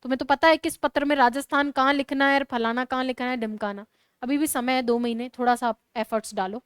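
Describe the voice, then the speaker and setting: A woman teacher with a Rajasthani Hindi accent, giving a classroom lecture in a brisk, scolding way and urging students to write fast. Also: high-pitched, steady tone, clean tone, no room sound.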